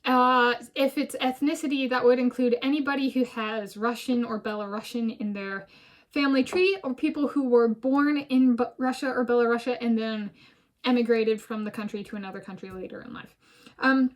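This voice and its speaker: A woman's voice: a little high, steady tone, normal speed. A woman vlogger thinking aloud in a meandering personal monologue, filming herself. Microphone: self-filmed camera.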